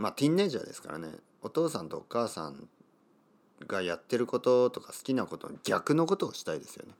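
This Kyushu-born Japanese teacher, middle-aged, has a fairly low voice. Going through a text for learners, he reads slowly and follows each part with a simpler rewording. Tricky place names stop him, and he muses aloud about how they should be read.

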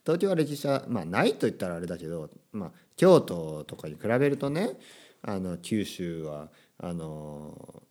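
A podcast host from Kyushu, Japan, with a standard accent, runs a casual solo show for language learners. His voice is low-pitched, very animated and a little mellow, at a normal speed. He's chatty and self-deprecating, full of filler asides and rhetorical questions aimed at the listener.

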